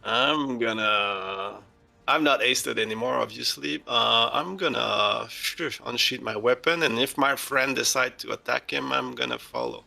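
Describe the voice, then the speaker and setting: A man's voice: medium pitch, unhurried, gravelly, bright, forceful tone, faint music behind. A man playing a tabletop fantasy game, talking casually and somewhat hesitantly.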